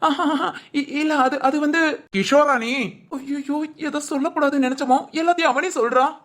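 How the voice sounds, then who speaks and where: A woman's voice: high-pitched, fast talker, close to an everyday voice. A woman voicing a timid, nervous young man who stammers and pleads in a cartoon. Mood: panicked. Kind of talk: cartoon voice acting.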